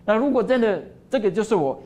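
A man voicing a suffering clay cup that begs and cries out in high, wailing pleas during a homily story. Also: animated, quick pace, a little mellow. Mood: shocked.

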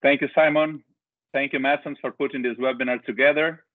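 Over a video call with tinny, phone-like audio, a middle-aged Brazilian company director presents a webinar in a Brazilian Portuguese accent. His medium-pitched voice moves a little fast with fairly even intonation, and he restarts hesitantly and fills gaps with "uh."

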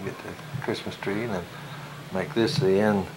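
A man narrating a family home video from behind the camcorder, chatty and relaxed, recorded on an old VHS tape. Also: low-pitched, measured pace, slight background noise, poor audio. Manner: relaxed, chatty, mumbling asides. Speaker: home video camera operator. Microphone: camcorder built-in mic.

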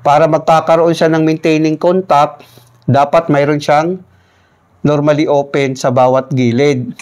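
A man's voice: fairly high pitch, level tone, unhurried, darkish tone. Filipino male technician, gap-toothed speech from missing front teeth, casual tutorial delivery, frequent check-ins, middle-aged. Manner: frequent "no?" check-ins, addressing viewers informally. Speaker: electrical technician giving a tutorial. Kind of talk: casual instructional explanation. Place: small indoor room at a table.

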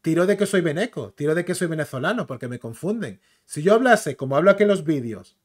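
A slangy, chatty man from the Canary Islands talks through a video clip in a relaxed commentary style. His voice sits a little high for a man, and he keeps dropping filler tags into his sentences. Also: fast, breathy edge. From Canary Islands, Spain. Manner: chatty, slangy, keeps tagging phrases with "tío" and "¿vale?". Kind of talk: casual commentary reacting to a clip.

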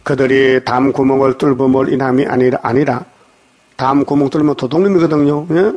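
A man preaching a dawn sermon, reading verses and scolding his listeners, often checking in with a quick "eh?". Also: medium pitch, steady tone, a little mellow, dull audio. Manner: scolding, jokes at the congregation. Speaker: pastor. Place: church.

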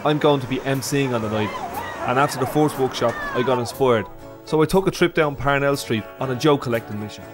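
A man's voice: mid-range voice, fast talker, music in the background. A man, presenting and narrating a documentary about comedy in an upbeat, plainspoken way. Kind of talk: scripted narration.

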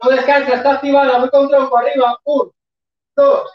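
In a live online workout class, a high-pitched instructor speaks at normal speed in a level tone, counting reps and pushing the class, at times shouting. The sound is echoey, dull and lo-fi, with the mic far away.

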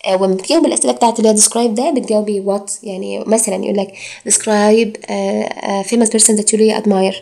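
A woman's voice: mid-range voice, a little mellow. A woman teaching an IELTS course in Egyptian Arabic, mixing in English exam phrases and drawing out her fillers. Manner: drawn-out fillers and hesitations. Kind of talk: recorded lecture.

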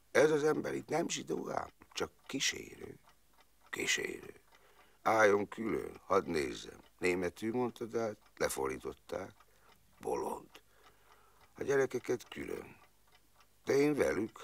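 A gravelly, rueful old-timer. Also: male voice, deep voice, a bit bright, no echo, full character voice. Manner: rambling storyteller, clauses strung on fillers. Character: rueful, plain-spoken man recalling wartime years. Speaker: former footballer telling his past. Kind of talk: film monologue.

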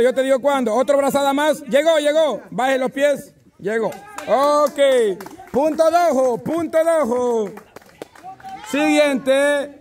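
A man running an outdoor rope-crossing contest, giving brisk commands and repeating his calls. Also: very high-pitched, darkish tone. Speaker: event organizer calling a rope-crossing contest. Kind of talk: live instructions to teams outdoors.

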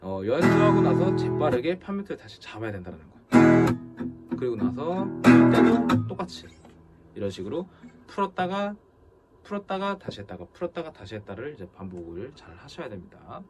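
Male guitar teacher, animated delivery, talks over loud strumming in a music studio. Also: mid-range voice, normal speed. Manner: counts beats aloud over loud guitar playing. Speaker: guitar instructor. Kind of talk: guitar lesson with counting.

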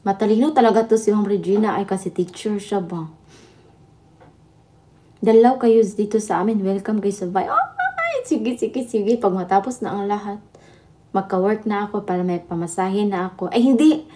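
A woman's voice: medium pitch, big pitch swings, moderate pace, dark tone. A woman hosting a casual livestream, chatting and laughing with viewers. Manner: chatty, laughing, switching between Tagalog and Visayan. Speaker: livestream host. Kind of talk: casual live chat with viewers.

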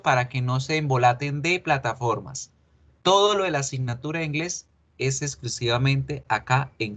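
A man's voice: medium pitch, fairly bright tone. Stuffy-nosed Colombian man teaching online. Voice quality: nasal, stuffy nose. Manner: informal, instructive, checks understanding often. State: congested with a blocked nose. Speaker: English teacher. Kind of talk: explaining to an online class. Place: online class call with screen share.

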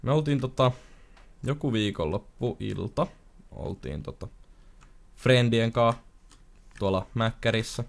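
A man playing a video game with a friend, chatting casually and telling a long story, with sudden loud outbursts, keyboard typing audible. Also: on the low side. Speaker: gamer co-host. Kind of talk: casual let's-play chat.

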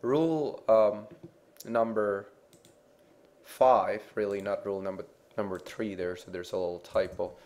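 A man with a fairly low voice walks through a chemistry lesson. He explains step by step, pausing to check in with "okay?", in a patient teacher's manner. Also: fairly even intonation, a little mellow. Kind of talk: explaining slides in a lecture.

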